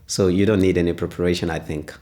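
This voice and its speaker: A man, answering interview questions as a father, pausing often and searching for words. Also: deep voice, steady tone, mellow. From Ghana. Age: 20s. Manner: hesitant, pauses often with "uh".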